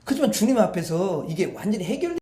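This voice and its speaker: Pastor guy preaching, kinda high voice, chatty, keeps asking the crowd stuff, echoey church room. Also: sing-song, fast talker, warm tone. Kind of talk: evening prayer meeting sermon.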